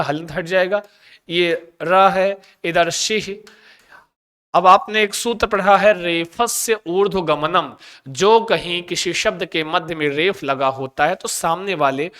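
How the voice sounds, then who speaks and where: A man's voice: high voice, a bit bright. A male teacher giving an exam-prep grammar lesson, asking the class questions, answering them himself and repeating key sounds.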